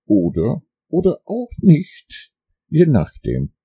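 A man voicing a humble, simple-minded teddy bear who speaks meekly and wistfully, in a gravelly voice. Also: fairly high pitch, huge pitch swings, mellow, voice pushed up, full character voice. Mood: dreamy. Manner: meek, slow and wistful.

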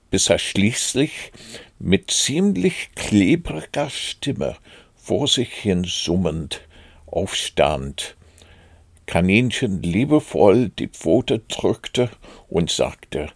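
A man narrates a children's storybook in an unhurried, measured cadence. His low voice has a gravelly edge, and his pitch moves in very lively swings. The recording is dry and close. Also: no echo. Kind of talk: storybook reading.

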